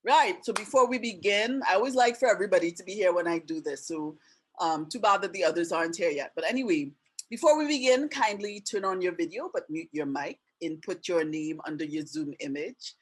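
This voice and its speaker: A woman's voice: lowish voice, a little fast, husky. Chatty Trini-Canadian woman hosting a webinar. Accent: Trinidadian with a Canadian tinge. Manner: chatty, friendly, explains with many asides and 'right?' tags. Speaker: webinar host and teacher. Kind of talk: casual online webinar presentation.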